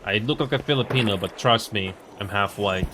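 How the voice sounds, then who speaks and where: Over a noisy background, a man with a lowish voice talks a little fast as he plays on a live stream. Born in Finland, a native Finnish speaker, he rambles, says things twice and grumbles at the game in casual chat.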